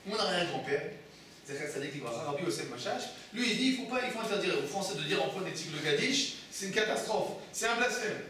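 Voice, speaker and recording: A man's voice: high voice, lively intonation, fast, sharp tone, slight background noise. A man, a rabbi, teaching a Torah class, asking his students questions and answering them himself. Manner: explains texts with repeated phrases and restarts. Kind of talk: Torah study lesson. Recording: echoey room, mic far off.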